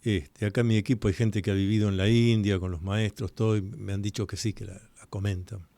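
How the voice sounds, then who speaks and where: Male radio host, explanatory and direct, mid-pitched, dry close studio mic. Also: flat delivery, warm tone, dry recording. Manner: explanatory, addresses listeners directly, repeats key points slowly. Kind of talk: live radio talk on psychology. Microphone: studio microphone.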